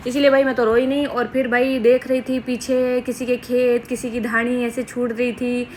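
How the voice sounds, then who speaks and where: A woman's voice: a little high, level tone, moderate pace, slight background noise. A young woman with a Rajasthani accent, narrating a casual vlog in a playful, joking way. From Rajasthan, India. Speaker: vlogger.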